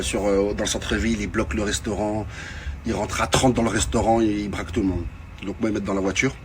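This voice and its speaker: Man telling an animated story. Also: fairly low pitch, slight background noise. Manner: animated, repeats phrases, acts out quotes. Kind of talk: casual spoken anecdote.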